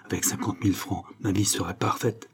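A man reading a storybook, voicing a frail, odd little older man who talks dreamily and then bursts into feverish excitement. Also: on the low side, a little slow, breathy edge. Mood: hushed, agitated. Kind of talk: audiobook character voice.

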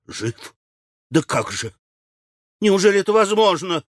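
A male audiobook reader voicing a fussy, anxious older widow who talks in a shrill, excitable way. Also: unhurried, dry recording, clean studio sound. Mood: agitated. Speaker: audiobook character. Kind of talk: audiobook character reading.

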